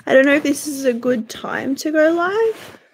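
A young Australian woman in her twenties hosts a casual livestream from a small bedroom, chatting with viewers by name and sounding stuffy from a sore throat. Her voice is high with lively intonation at a moderate pace, and there's a little hiss or hum.

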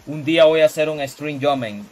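A man streaming a fighting game live, greeting viewers by name in loose slangy banter and breaking into excited shouts. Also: a little high, moderate pace. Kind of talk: live gameplay commentary, chatting with viewers.

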